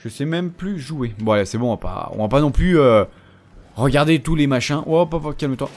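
A man's voice: medium pitch, a little fast, a little mellow. Chatty man taunting game enemies. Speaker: gameplay commentator. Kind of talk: casual let's-play commentary.

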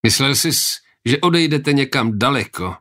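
A man reading an audiobook, voicing a male nobleman who speaks in a measured, reproachful way. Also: mid-range voice, animated, bright, forceful tone, pitched above the performer's own voice.

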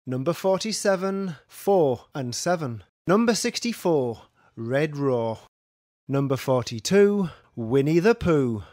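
A man calls bingo in a fairly high voice. He takes his time over each number and nickname, with a very animated, sing-song pitch. The sound is close and dry. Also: no room sound. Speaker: bingo caller. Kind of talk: online bingo number calling with rhyming nicknames.

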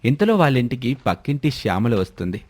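A male storyteller reading scripted narration at a middle pitch. His delivery is plain and even. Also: fast talker.

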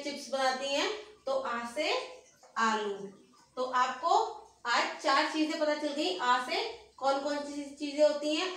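A woman teaching small children in an online nursery class, speaking slowly and patiently and repeating words in a sing-song way. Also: high voice, a bit bright, heavy reverb, far from the mic.

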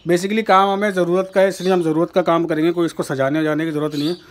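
A man's voice: fairly high pitch, flat delivery, fast. A man narrating his chores on a rooftop to viewers in a chatty, friendly way while he works, filmed on a handheld phone. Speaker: bird keeper vlogger. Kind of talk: casual vlog narration. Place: rooftop kitchen and bird pens, outdoors. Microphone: handheld phone camera. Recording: noisy rooftop phone recording.

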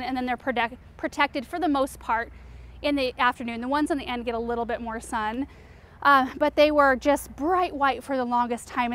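A garden show host from Eastern Oregon, US, gives a casual walkthrough of her outdoor home garden. She has a high, fairly bright voice and is chatty and enthusiastic, using lots of fillers like "um" and "like."

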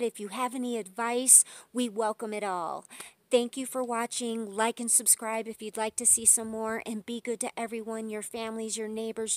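Chatty middle-aged woman vlogger, higher voice. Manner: chatty, friendly, pointing things out. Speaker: vlogger host. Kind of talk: casual show-and-tell vlog.

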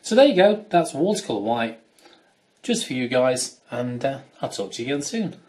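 A man's voice: medium pitch, normal speed. Chatty man demonstrating watercolour. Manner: chatty, relaxed, with fillers and asides. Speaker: wildlife watercolour artist teaching. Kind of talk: painting demonstration.

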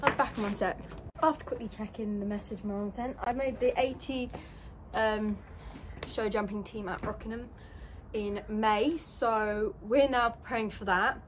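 With a mid-range voice, a steady tone and a normal speaking speed, this young woman rambles cheerfully in a casual equestrian vlog. She holds her phone at arm's length at the stable yard, both outdoors and in a horse lorry, and slight background noise can be heard.

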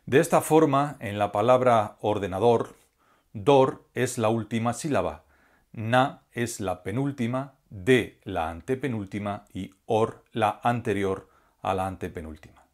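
A man giving a scripted grammar lesson as a teacher, speaking slowly and deliberately and spelling out syllables one by one. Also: on the low side. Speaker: language teacher.

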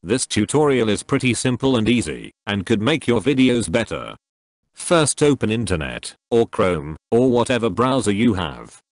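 A man's voice: fairly low pitch, sing-song, normal speed, no echo, clean studio sound. A computer-generated male voice reading a scripted tutorial narration. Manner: text-to-speech voice reading a script.

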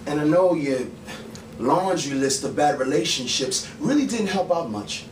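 On a small, dimly lit bar stage indoors, a Bronx-born poet and actor gives a theatrical, pointed spoken word performance with deliberate pauses, his voice a little high and expressive. The audio is roomy and noisy, captured by a distant camera mic rather than the stage mic standing unused next to him.

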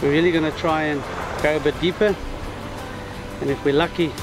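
Halting male angler on a beach. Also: a little high, fairly even intonation, low-quality recording. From Namibia. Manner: halting, plain-spoken, many fillers. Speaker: competing angler. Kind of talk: casual interview. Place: outdoors on a beach. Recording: outdoor beach audio under loud music.

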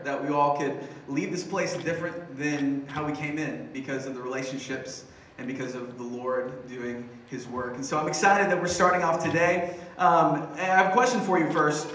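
On a church stage among band gear, a young Filipino youth pastor delivers a chatty, upbeat sermon into a handheld mic, stumbling through many fillers and restarts. His fairly high, slightly bright voice is picked up from far away in an echoey room, with a little hiss or hum.

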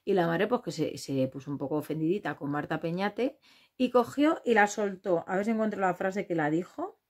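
A woman's voice: fairly low pitch, expressive, moderate pace, darkish tone. A woman from Spain giving casual gossip commentary on a reality show, outspoken and blunt, swearing freely and mimicking the contestants.

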